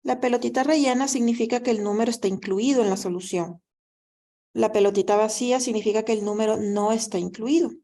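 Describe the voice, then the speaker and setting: A woman's voice: a little high, brisk, warm tone. Patient woman teacher explaining math. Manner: patient, explanatory, often asks "¿verdad?". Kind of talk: recorded class lecture.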